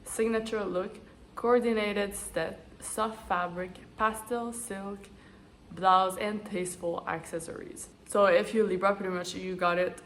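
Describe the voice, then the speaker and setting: A woman's voice: mid-range voice, fairly even intonation, measured pace, a bit bright, slight background noise. A woman with a stuffy, congested nose chatting to camera as an astrology and style vlogger. She runs through lists of traits and drifts into chatty personal asides. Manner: chatty, list-like delivery with asides. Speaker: astrology and style vlogger, energy-healing coach. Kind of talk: casual talk to camera, listing traits.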